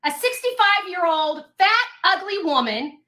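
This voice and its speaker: A woman's very high, pushed, and bright voice swings widely in pitch at a measured pace. Ranting and giving advice to camera as an online commentator, she speaks unscripted in an emphatic, repetitive, confrontational way. Roomy echo and faint noise mark the recording.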